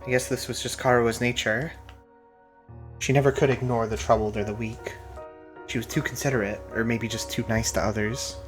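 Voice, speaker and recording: A man's voice: medium pitch, fairly even intonation. A man streaming a game, reading its narration aloud in an easygoing way and commenting. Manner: easygoing, quick to laugh. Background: game music.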